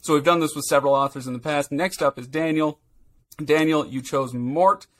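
A man's voice: on the high side, steady tone, fairly quick. A man hosting a podcast, joking with his guests, laughing often and reading out a recap. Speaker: podcast host. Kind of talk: casual chat and read recap.

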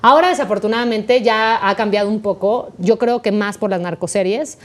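A young adult Mexican woman, a podcast guest, telling a story in a chatty, animated way. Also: mid-range voice, a little fast. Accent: Mexican Spanish. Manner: chatty, animated, acts out quoted voices.

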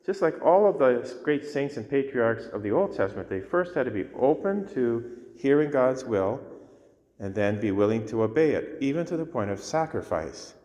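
A male priest delivers scripture and homily with solemn, deliberate phrasing. His voice sits at an average pitch. Long, cathedral-like reverberation trails each phrase in a large church. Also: darkish tone. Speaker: priest reading the Gospel and preaching. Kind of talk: liturgical scripture reading and homily.

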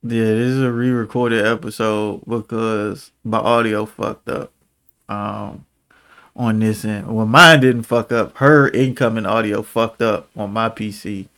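A man's voice: lowish voice, fairly even intonation, a little slow, a bit bright. A tired man co-hosting a casual podcast, profane, slangy and teasing, his speech slightly slurred by a grill in his teeth. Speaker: podcast co-host.

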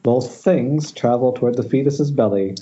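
This man has a mid-range voice with a dark tone and speaks at a moderate pace. He narrates screen directions during a casual table read held over an internet call, tripping a bit over the dramatic reading. The call audio is dull and noisy.

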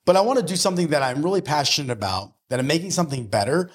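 A mortgage lender and business owner in his early forties talks very fast and very animatedly in a fairly high voice. As a podcast guest he's conversational, earnest and motivational, regularly checking in with "right?".

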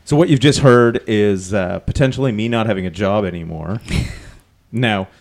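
A man's voice: on the low side, moderate pace. A man hosting an outdoor adventure podcast in a casual, chatty way, laughing easily. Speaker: podcast host.

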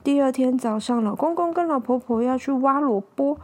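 Give me a high-pitched woman storyteller, animated, for children. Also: normal speed. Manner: animated, asks listeners to join in.

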